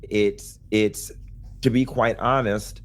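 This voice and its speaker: A man earnestly explaining his side of a public dispute, now and then breaking into animated exclaimed asides. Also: lowish voice, slow pace. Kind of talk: clip of a personal video statement.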